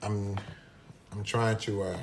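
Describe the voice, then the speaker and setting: A man's voice: fairly low pitch, little pitch movement, slow pace, a little hiss or hum. A man giving a casual, hesitant hands-on demonstration at a workbench, with many restarts and fillers, recorded on a phone camera. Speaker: product reviewer demonstrating a meter.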